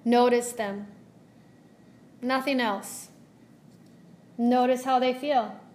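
Soft and reassuring, a female yoga teacher leads a guided meditation, speaking in deliberate phrases separated by long pauses. Her pitch runs a little high, and her intonation is fairly even.

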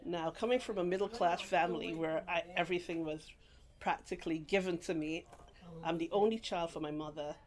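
A woman's voice: on the low side, brisk. A middle-aged woman from England, raised partly in Guyana, telling her life story in a rambling oral history interview at a library, with many restarts and laughs. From England, grew up partly in Guyana.

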